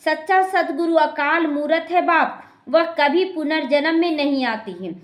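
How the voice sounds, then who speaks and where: A woman with a high-sitting voice speaks at a measured pace. She's a spiritual teacher explaining scripture to a class in a meditation hall, repeating her points and addressing her listeners directly. The room sounds echoey.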